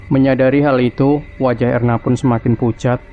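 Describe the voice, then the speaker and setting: A man narrating a scripted horror story in a hushed, creeping, suspenseful manner. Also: medium pitch, level tone, brisk, lo-fi sound, faint music behind.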